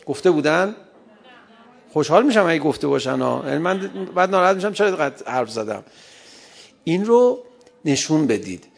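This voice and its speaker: A man's voice: a little high, big pitch swings, gravelly, long pauses. A middle-aged man giving a humorous lecture to an audience, often laughing and acting out short dialogues. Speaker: speaker addressing an audience on parenting. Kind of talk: lively lecture.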